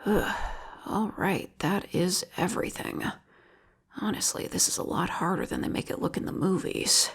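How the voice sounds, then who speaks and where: In an intimate audio roleplay, a woman voices an obsessive, lovesick vigilante killer. Her voice is fairly low, whispery and gravelly, and she taunts slowly with an air of menace.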